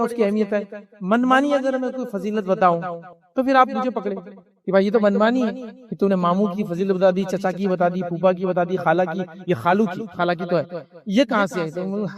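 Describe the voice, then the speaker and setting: A man preaching in a conversational style, explaining with rhetorical questions and stories from his own life. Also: high voice. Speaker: Islamic preacher. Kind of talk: conversational sermon.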